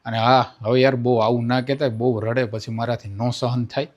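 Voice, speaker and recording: A man's voice: mid-range voice, level tone, a little fast, dull audio. Young male vlogger, casual coaxing chat to viewers. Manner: coaxing, pleading.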